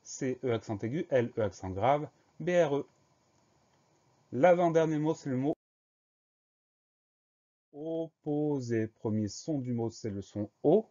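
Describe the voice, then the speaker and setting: Guy teaching spelling slow and patient, dark mellow voice, kinda dull lo-fi audio. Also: mid-range voice. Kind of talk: spelling dictation lesson.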